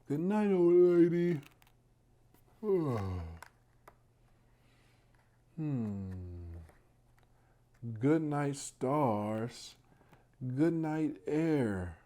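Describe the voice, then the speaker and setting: Hushed and gentle, a man with a slightly high voice reads aloud at bedtime for young children. He addresses the little ones directly, with questions and words of praise.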